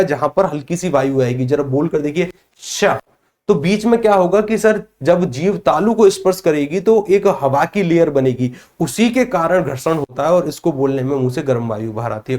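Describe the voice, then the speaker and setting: Hindi teacher asking and answering himself. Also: male voice, high voice, darkish tone. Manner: explains by asking questions and answering them himself; sounds out letters slowly to show pronunciation. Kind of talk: spoken grammar lesson.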